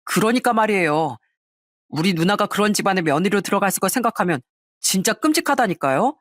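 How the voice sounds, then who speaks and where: A woman's voice: mid-range voice, lively intonation, a little fast, dry recording, clean studio sound, lightly acted. A woman voicing a protective younger brother who speaks emphatically and with indignation, in an audio story. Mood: indignant.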